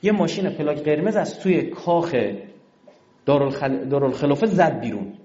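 A man telling religious history as a lively story, acting out each quoted exchange. His voice sits fairly high and swings widely in pitch. It comes through a dull, lo-fi recording. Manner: animated storyteller who acts out quoted dialogue. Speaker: religious lecturer.

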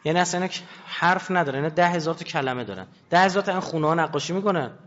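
A fairly high-voiced man lectures an audience with emphasis, firing off rhetorical questions. His voice rings with a long hall reverb, and the recording sounds dull and lo-fi. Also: a bit bright.

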